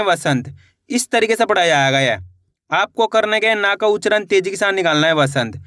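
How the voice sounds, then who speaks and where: A man with a high, bright, forceful voice teaches Hindi reading, sounding out each word syllable by syllable, repeating it, and encouraging viewers he calls friends. The slow, spelled-out lesson is recorded in a clean studio with no echo.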